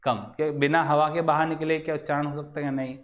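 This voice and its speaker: A man's voice: fairly high pitch, little pitch movement, fast, a bit bright. A male teacher giving a Hindi grammar lecture in a classroom, asking the class questions and answering them himself. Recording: echoey room.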